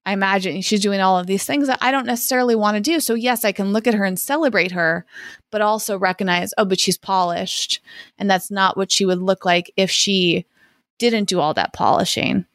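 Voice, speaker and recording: A woman's voice: mid-range voice, fairly quick, dry recording, studio quality. Chatty woman podcast co-host. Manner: chatty, musing, animated asides. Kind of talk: casual chat.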